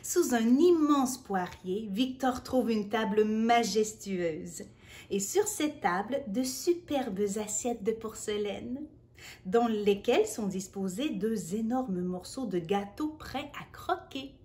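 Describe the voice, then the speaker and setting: A woman reads a picture book aloud to a little one, gentle and playful. Her voice is high and lively, rising and falling a lot, and she reads slowly. Now and then she drops into soft, whispered asides. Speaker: children's storyteller.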